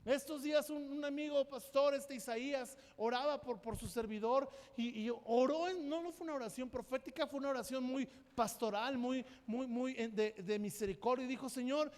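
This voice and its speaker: A man preaching a sermon as pastor, impassioned and emphatic, sometimes rising to a shout. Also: very high voice, normal speed, few pauses. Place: church sanctuary. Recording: long church hall reverb.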